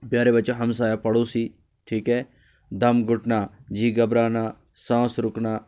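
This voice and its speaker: A man gives a story lesson to young children, speaking at a flat, level pitch in a clear, smooth tone. He repeats phrases and lines, carefully explains each new word's meaning, addresses the children fondly, and briefly switches into Kashmiri.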